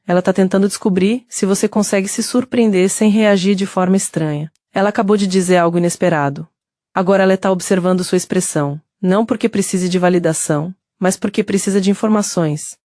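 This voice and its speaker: A woman with a Brazilian Portuguese accent giving steady scripted narration that speaks directly to the listener. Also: medium pitch, no room sound, studio quality.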